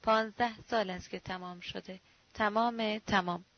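A woman reads out a middle-aged man pleading with a frightened friend, pitying and insistent by turns. Her voice has a gravelly texture. The recording is dull and dry. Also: medium pitch, steady tone, no room sound, natural voice. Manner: pitying, soothing, sometimes roaring.

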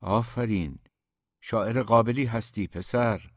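A man reading an audiobook, voicing a calm, fatherly older uncle who teases gently. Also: fairly low pitch, no echo, clean studio sound, lightly acted.

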